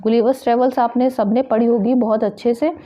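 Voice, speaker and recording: A woman teaching a literature lesson, reading English definitions slowly and explaining them, asking questions and answering them herself. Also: a little high, steady tone, dark tone. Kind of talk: exam-prep lesson.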